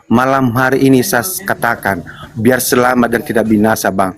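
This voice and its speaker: A man's voice: mid-range voice, normal speed. A man making an earnest preaching-style appeal to listeners during an online faith debate.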